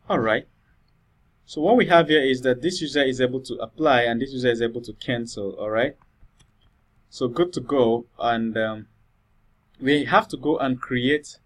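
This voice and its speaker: A man giving a screen-recorded coding tutorial, thinking aloud with many fillers and checking in with "all right?". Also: mid-range voice.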